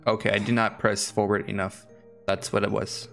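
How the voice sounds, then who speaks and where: A young man giving casual, excitable commentary while playing a game, talking to himself in slangy chatter. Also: lowish voice, normal speed, vocal fry, soft background music. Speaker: gaming commentator.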